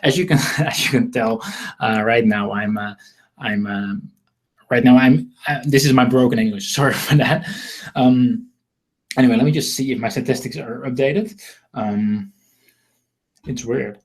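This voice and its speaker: With a medium pitch, measured pace and long pauses, a man from the Netherlands hosts a live webinar selling marketing software. His Dutch accent comes through, and his informal pitch is rambling, repetitive and self-mocking.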